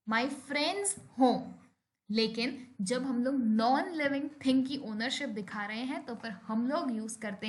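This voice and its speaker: A young woman with an Indian accent teaching an English grammar lesson, explaining rules and reading example sentences slowly with clear stress. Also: fairly high pitch. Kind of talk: grammar lesson over slides.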